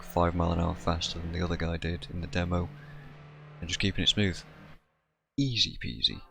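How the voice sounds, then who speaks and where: A man giving casual, sarcastic commentary over his own racing gameplay, excitable and swearing when frustrated. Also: sits low, vocal fry. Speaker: gaming YouTuber.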